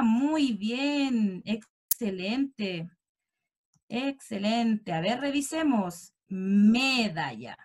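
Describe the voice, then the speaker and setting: Woman teacher, slow and patient, coaxing small children through an online lesson. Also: a little high, a bit bright. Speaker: first-grade teacher. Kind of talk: online class for young children.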